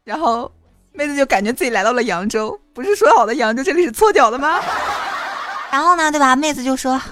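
A young woman with a fairly high voice recounts a comic story as a show host. Her pitch swings widely and expressively, and she keeps breaking into giggles. She cusses casually as she goes. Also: expressive, quick pace, a bit bright, faint music behind.

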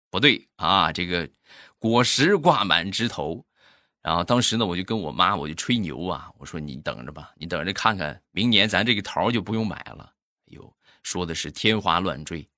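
A man tells comic home anecdotes in a casual, self-deprecating way, poking fun at himself. His voice is low but bright, and his pitch swings a lot as he tells it. The sound is dry and close to the mic. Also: dry recording. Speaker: comic storyteller.

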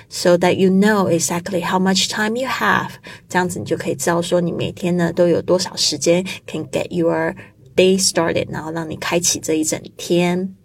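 A woman teaching English, patiently explaining each phrase and spelling words out slowly. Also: fairly low pitch, husky. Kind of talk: bilingual language lesson.

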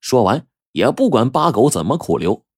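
A man storyteller narrating a folk tale in a lively, casual way, drawing out his sentence endings. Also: mid-range voice, normal speed, slightly rough, no room sound, clean studio sound.

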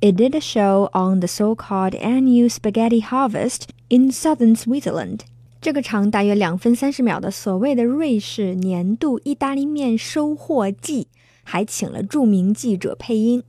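A woman's voice: on the high side, normal speed, warm tone, no echo. A woman hosting a bilingual English lesson in a playful, chatty way, laughing often. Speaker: language lesson host. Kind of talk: bilingual casual lesson narration.

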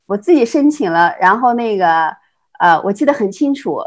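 A middle-aged woman from China, a guest telling her life story in casual conversation, quick and full of restarts and laughs. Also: mid-range voice, expressive. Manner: fast, with many repeated words and restarts, frequent laughs. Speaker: interview guest.

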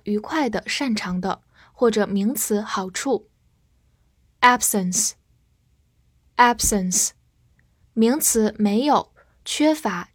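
A woman teaching a vocabulary review lesson, repeating each English word twice before giving its meanings in a slow, deliberate way. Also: medium pitch, husky, dry recording, clean studio sound.

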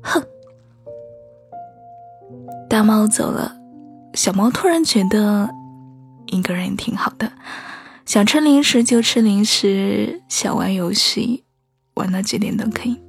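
A woman whispering a bedtime story slowly and soothingly, in a girlfriend whispered role-play, close to the microphone. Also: medium pitch, creaky, breathy edge, faint music behind. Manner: soft, hushed, slow and soothing.

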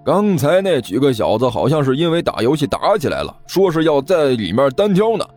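A man voicing a timid young male thug who stammers and wheedles, the nervous sidekick in a told story, pitched well above his own voice. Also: big pitch swings, brisk, darkish tone, soft background music. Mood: eager.

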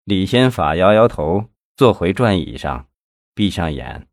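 A man reading a novel aloud as an audiobook narrator, with a dramatic, expressive delivery. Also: low voice, measured pace, dry recording, studio quality. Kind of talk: scripted narration.

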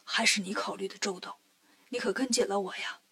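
A woman voicing a timid, fretful male monk in a storybook reading, speaking softly and with a whimper. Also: mid-range voice, steady tone, brisk, vocal fry, pitched below the performer's own voice. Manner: soft, whimpering.

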